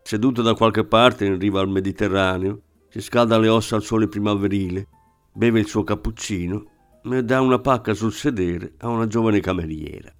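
A man reading literary fiction aloud in a measured, reflective manner, with faint music behind. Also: on the low side, clear, resonant tone. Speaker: audiobook narrator. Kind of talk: scripted literary narration.

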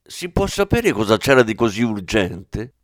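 A sardonic, teasing forensics chief, as a male reader puts him on, pushing his colleague with a rising, lively voice. Dry and close, with no room sound. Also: lowish voice, normal speed, no room sound. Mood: mocking. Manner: mocking, demanding.

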